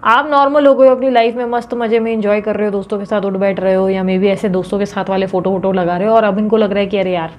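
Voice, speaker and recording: A woman's voice: medium pitch, little pitch movement, fast, few pauses, a little hiss or hum. A woman reading tarot for her viewers in a chatty, teasing way, often acting out quoted lines. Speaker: tarot reader.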